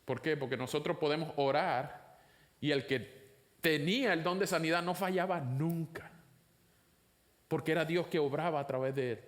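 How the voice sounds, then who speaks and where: A man preaching a sermon, putting rhetorical questions to the congregation, his voice climbing high for emphasis and then dropping low and slow. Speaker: pastor.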